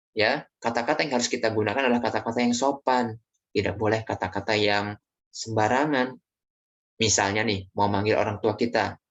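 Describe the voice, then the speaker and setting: Man, teacher, low voice, patient classroom lesson for kids, gentle explaining. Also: dull audio. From Indonesia. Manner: acts out children's lines in a raised voice.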